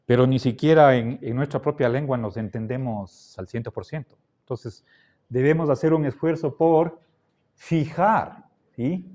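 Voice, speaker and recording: A man teaching a class, lecturing deliberately and checking in with his students again and again. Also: medium pitch, mellow. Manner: slow, deliberate, checks understanding with frequent "¿sí?".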